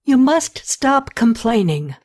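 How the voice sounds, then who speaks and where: A woman voicing an imperious, hot-tempered ancient queen who fires off sharp demands. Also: on the high side, sing-song, takes it slowly, full character voice. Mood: commanding.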